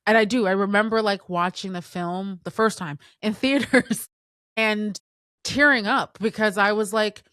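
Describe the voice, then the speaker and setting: A woman's voice: mid-range voice, a little slow, fairly bright tone, smooth, no echo, clean studio sound. A woman co-hosting a podcast, talking about films in an enthusiastic, emotional way with lots of fillers. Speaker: podcast co-host. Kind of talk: casual film discussion.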